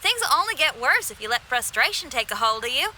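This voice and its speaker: Bright, folksy young rocker girl Xinyan. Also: high-pitched, big pitch swings, quick pace, a little hiss or hum, full character voice. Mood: calm, confident. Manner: folksy, spirited. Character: spirited young woman rock musician, loyal and fiery. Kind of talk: animated video game voice acting.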